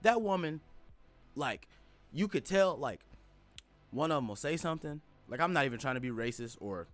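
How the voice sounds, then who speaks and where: A man ranting to his viewers in a casual, profane, animated way, calling them bro. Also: medium pitch. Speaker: vlogger. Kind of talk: casual rant to camera. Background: background music.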